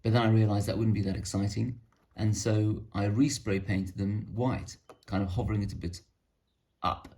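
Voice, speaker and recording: A man's voice: on the low side, fairly even intonation, moderate pace, mellow. A man casually showing off his painted miniatures, rambling and self-deprecating. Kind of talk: casual hobby show-and-tell.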